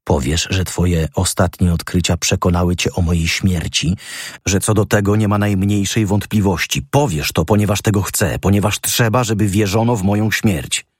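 A man's voice: low voice, moderate pace, a little mellow, husky, no echo, studio quality. Man voicing a menacing master thief. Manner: stern, threatening, commanding. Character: commanding male master thief, cold and menacing. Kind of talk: audiobook character reading.

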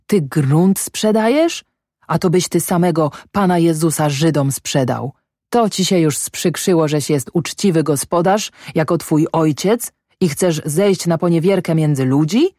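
In a storybook reading, a narrator voices a desperate peasant wife who curses her husband in a furious, feverish rage, alternating cursing and pleading with feverish intensity. The woman's voice is low-pitched, unhurried, and dark in tone, captured with clean studio sound and no echo.

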